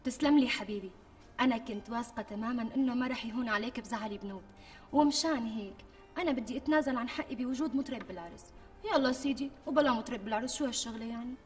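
A woman's voice: fairly high pitch, rapid-fire, natural voice. An actress playing a greedy young wife with a Damascene Syrian accent, coaxing and guilt-tripping her fiancé in a TV sitcom. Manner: wheedling, guilt-tripping, indignant bursts. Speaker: scheming bride-to-be. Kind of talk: TV sitcom acting. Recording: distant mic with faint music.

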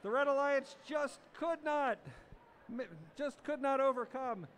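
High-voiced excitable male match announcer. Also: slow, a little hiss or hum. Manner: excitable, exclamatory. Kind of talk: live play-by-play commentary.

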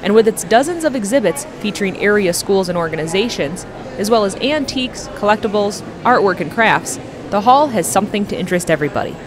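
A woman reporter reads a scripted local news voice-over in a lively, upbeat way. Her pitch moves around a lot, and the chatter of a fair crowd carries behind her. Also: fast talker.

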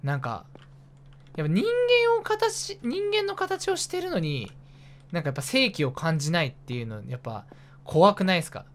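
High-voiced jumpy male game streamer. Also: wildly swooping pitch, fairly bright tone. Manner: jumpy, easily startled, yelps and rapid repeated exclamations; chatty self-talk narrating his moves. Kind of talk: casual horror game commentary.

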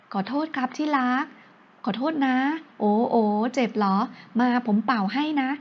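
A teasing young man who likes to needle and play innocent, voiced by a woman reading an audio novel. The voice sits fairly high and sounds dull and lo-fi. He drifts between probing questions and an exaggerated sugary sweetness. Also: lively intonation, moderate pace. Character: teasing, playful young man, the heroine's close friend.

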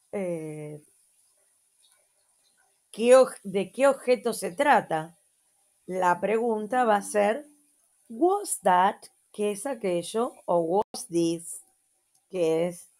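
Slow, patient Argentine woman teacher. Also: medium pitch, lively intonation, a little mellow. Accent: Argentine Spanish. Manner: slow, patient, repeats words and adds checking "¿mm?". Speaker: English teacher. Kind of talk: slow lesson review for children.

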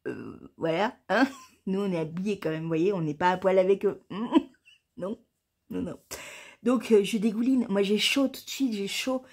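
Woman, 40s, knitting vlogger. Casual, chatty delivery, quick to laugh, vents with some swearing. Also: medium pitch, darkish tone. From France. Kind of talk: casual chat to camera.

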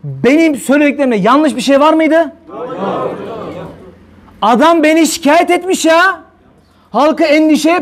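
A male preacher giving a heated religious talk, firing rhetorical questions at his listeners. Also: very high-pitched. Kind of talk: fiery religious talk to viewers.

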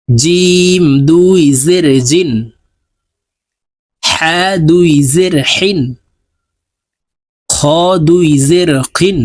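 A man teaching Quran letter pronunciation, reciting each sound slowly and evenly for students to repeat. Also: fairly high pitch, dry recording. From Bangladesh. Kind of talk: slow recitation drill lesson.

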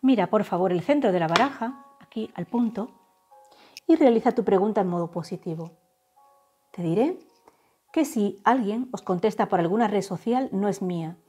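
A woman from gives a tarot reading to camera. Her voice is mellow and breathy, and she draws out the channeled phrases slowly and softly over faint background music. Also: medium pitch, lively intonation. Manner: slow, soft, drawn-out channeled phrases. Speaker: tarot reader.

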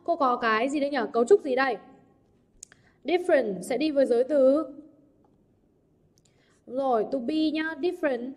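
A woman's voice: high-pitched, moderate pace, long pauses, darkish tone. A young adult woman teacher working through English exam answers, often checking in with the class through rhetorical questions. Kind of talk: exam answer walkthrough lesson.

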